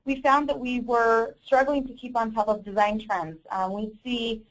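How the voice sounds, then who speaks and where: A woman's voice: on the high side, steady tone, moderate pace, poor audio. Woman presenting a business webinar. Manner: informal, self-correcting, apologetic. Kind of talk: conversational business training presentation. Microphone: conference call audio.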